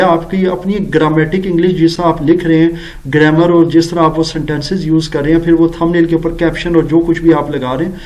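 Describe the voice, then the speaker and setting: A man with a Pakistani accent, a teacher hosting a critical review vlog, who slows right down to spell out English words and drops sarcastic asides. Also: fairly high pitch, a little mellow, low-quality recording. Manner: slow, deliberate English words and spelling out mistakes. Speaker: education channel host and teacher.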